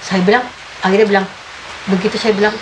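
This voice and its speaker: A woman in her fifties giving a personal faith testimony in an interview, telling her story in a halting way with many filler sounds. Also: medium pitch, fairly even intonation, noisy background. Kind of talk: personal testimony told in conversation.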